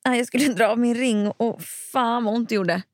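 A woman co-hosting a casual chat, telling stories animatedly and swearing freely, acting out her children's shouts. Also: on the high side. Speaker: podcast co-host, mother of young children.

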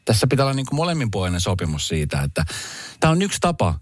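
A man hosting a casual radio chat, telling stories in an animated way with sudden jumps in pitch for emphasis. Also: no room sound. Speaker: radio host.

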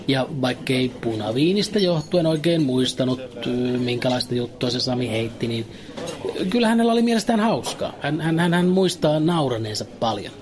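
A man delivering a deadpan, absurd comic monologue in a dry, matter-of-fact way, with hesitant fillers. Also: medium pitch.

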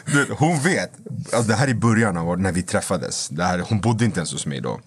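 A man guest in casual podcast chat, an animated storyteller who acts out quotes loudly. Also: low voice, husky.

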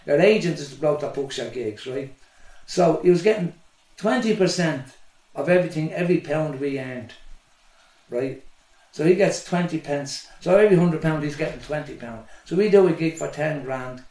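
A middle-aged musician guest tells stories on a podcast in a rambling, casual way, swearing a lot and repeating "do you know what I mean." His voice is a little high with a darkish tone at a moderate pace, recorded in an echoey room a bit far from the mic.

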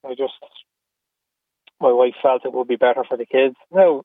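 A middle-aged man with an Irish accent, from Australia and Ireland, speaks as an interview guest about personal matters, candid and earnest yet halting and repeating phrases. His voice is medium-pitched with no room sound, heard over a narrow-band, phone-like radio call.

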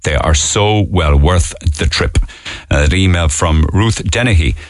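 A man's voice: low-pitched, a little slow, dry recording, clean studio sound. A man with a Cork Irish accent, hosting a radio phone-in in a casual, conversational way.

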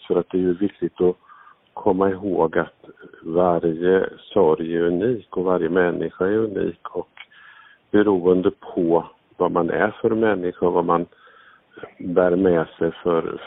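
Deep gravelly man on a tinny line. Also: no room sound. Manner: measured, with small restarts. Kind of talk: calm explanatory commentary. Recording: tinny dry phone-like sound.

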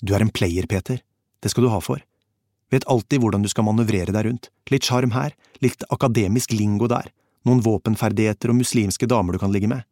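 Bitter, blunt young soldier in an audiobook, cursing and accusing, read by a man; low, dry voice. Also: a little mellow, no echo. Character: embittered young male soldier, shivering. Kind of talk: audiobook character voice.

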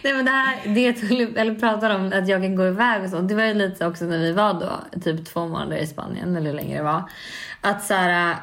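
A young woman in a casual chat, relaxed, with quick bursts when she explains herself. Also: medium pitch.

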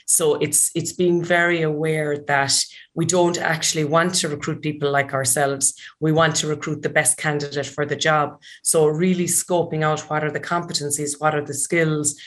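Female panellist, strong west of Ireland Kerry accent, steady narrow intonation. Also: deep voice, normal speed, hardly any pauses. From County Kerry, Ireland. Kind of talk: panel discussion talk.

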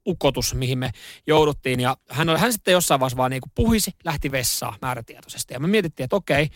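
A man's voice: medium pitch, no room sound, studio quality. A man hosting a radio morning show, telling stories in casual chat with lots of fillers and restarts. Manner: animated storytelling, acts out shouts in the story.

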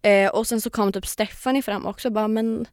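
A woman's voice: medium pitch, no room sound, studio quality. Young woman telling a story animatedly. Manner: animated storytelling, acts out quotes, swears. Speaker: podcast guest, former reality show contestant. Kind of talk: casual podcast chat.

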